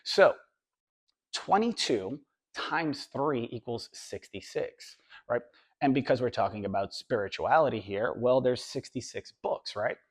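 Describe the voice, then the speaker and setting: Male teacher, hoarse voice still recovering, casual lecture delivery with frequent tag questions. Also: mid-range voice. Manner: conversational, tag questions, drawn-out emphasis. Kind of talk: classroom lecture.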